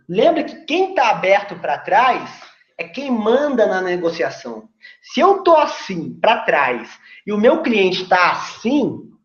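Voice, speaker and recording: Brazilian sales coach with a lively voice. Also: male voice, high-pitched. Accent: Brazilian Portuguese. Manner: chatty, persuasive, explanatory. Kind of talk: casual video lesson. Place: seated indoors facing camera. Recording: roomy dull lo-fi recording.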